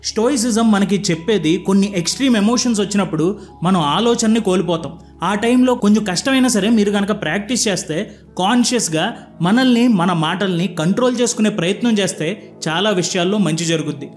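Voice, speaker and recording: A man narrating stories and explaining their lessons in a calm, scripted telling. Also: high voice, a little fast, faint music behind.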